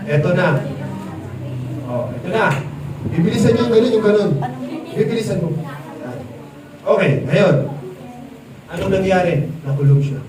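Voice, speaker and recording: High-voiced animated male preacher, echoey hall. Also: measured pace, pauses often. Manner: animated, quizzes the crowd, mixes English. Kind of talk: lively sermon with audience questions. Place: church event hall. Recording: echoey hall, distant mic, noisy.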